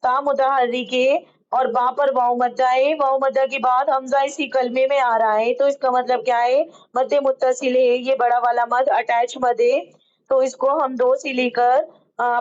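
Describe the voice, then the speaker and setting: A woman teaching how to read Quranic script, explaining each rule slowly and patiently and drawing out the words she recites. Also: sits high, darkish tone, dull audio. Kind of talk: online Quran reading lesson.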